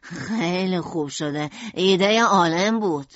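A woman's voice: lowish voice, no echo, dull audio, close to an everyday voice. A woman doing an eager young son.

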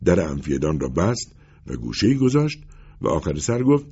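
Male audiobook narrator, gravelly and husky, lively pitch, lo-fi sound. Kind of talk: scripted literary narration. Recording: dull lo-fi recording.

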